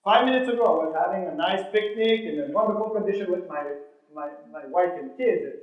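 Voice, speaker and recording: In a large, very echoey hall, a man gives a motivational keynote to a live audience, animatedly telling stories and performing the dialogue. He is a native French speaker with a French-Canadian accent, talking fast in a high-pitched voice. The recording is muffled.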